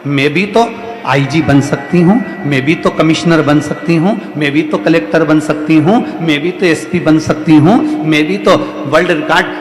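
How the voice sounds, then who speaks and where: A man delivering a devotional sermon in a fairly high voice, hammering each point home with rhythmic repeated phrases. His voice rings through a large, echoing hall with a long reverb tail, and soft music plays faintly underneath. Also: normal speed. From India. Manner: rhetorical repetition, emphatic refrains. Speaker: kathavachak preacher. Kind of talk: devotional sermon to a live audience.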